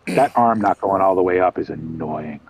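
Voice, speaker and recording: A man's voice: low-pitched, normal speed, creaky, breathy edge. A man hosting a game stream, chatting casually and in a laid-back way with his co-players. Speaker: streamer host. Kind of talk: casual gameplay chat. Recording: dull lo-fi mic.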